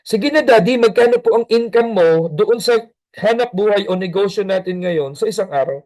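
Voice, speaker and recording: A man's voice: sits high, normal speed, a little mellow, voice pushed up, natural voice. A man voicing a small boy who pleads with his busy father, whiny and insistent. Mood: pleading. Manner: whiny, pleading, repeats "daddy".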